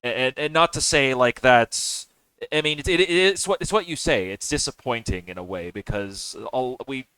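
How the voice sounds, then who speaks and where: A man chatting casually on a podcast, talking haltingly with many restarts and fillers. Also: medium pitch, animated, bright, forceful tone, clean tone, dry recording. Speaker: podcast host.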